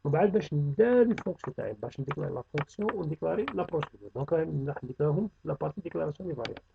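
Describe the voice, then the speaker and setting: A man's voice: a little high, animated, racing, creaky, highs cut off, background noise. A man teaching a programming review lesson, mixing French terms into his speech.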